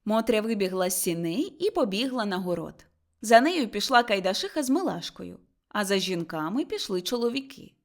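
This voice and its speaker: A woman reading an audiobook in an expressive storytelling manner. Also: mid-range voice, moderate pace. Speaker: audiobook reader. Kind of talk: scripted narration.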